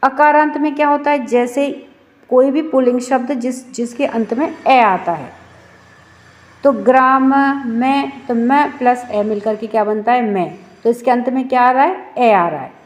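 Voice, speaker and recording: Woman, teacher, high voice, patient, recites forms one by one, asks and answers herself. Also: unhurried. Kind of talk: classroom explanation.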